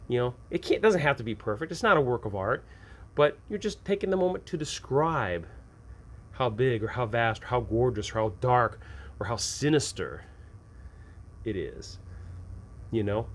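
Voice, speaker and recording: Over slight background noise, a medium-pitched male voice hosts a tabletop game advice show. The talk is informal and enthusiastic, sliding into improvised, down-home scene descriptions, with an animated edge when he demonstrates examples.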